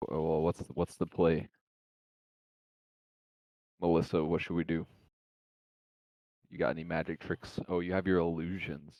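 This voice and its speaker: A man playing a tabletop game, bantering with jokes and swearing as he pitches plans. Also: level tone, measured pace, long pauses, darkish tone, no echo. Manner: joking, profane banter. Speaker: player. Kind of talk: casual chat while playing a tabletop game.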